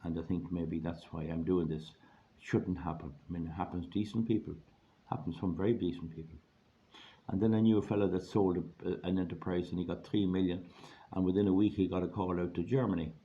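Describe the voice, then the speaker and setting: A hoarse Irish man giving an informal, rambling monologue in a plain-spoken, folksy way, repeating phrases for emphasis. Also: low voice, steady tone, brisk. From Ireland. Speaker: online video host giving money advice. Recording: dull lo-fi audio, faint background noise.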